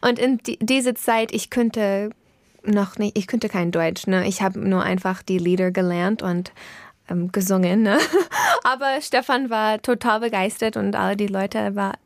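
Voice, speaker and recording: A woman's voice: mid-range voice, a little slow, dry recording, studio quality. American-accented woman speaking non-native German. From Pennsylvania, United States. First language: English. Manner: non-native German with grammar slips, searching for words. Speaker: interview guest, singer. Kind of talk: casual studio interview. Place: studio.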